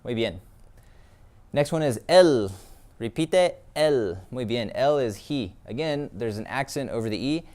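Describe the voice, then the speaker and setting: A man's voice: medium pitch, animated, a little slow, darkish tone. Man teaching a Spanish lesson. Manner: explains patiently, many ums and uhs. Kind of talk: classroom lesson.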